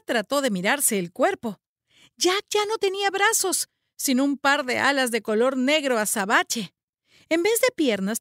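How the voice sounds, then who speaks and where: A woman storyteller reading a children's book aloud with dramatic, sing-song delivery. Her voice sits high and swings widely in pitch. The recording is dry and close. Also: a bit bright, no echo.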